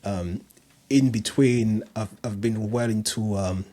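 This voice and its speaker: Taking it slowly, a man with a fairly low pitch and dark tone appears as a guest in a casual podcast interview. In his thirties, he is a personal trainer from France and other countries with a French accent, and his easy talk is peppered with restarts and fillers.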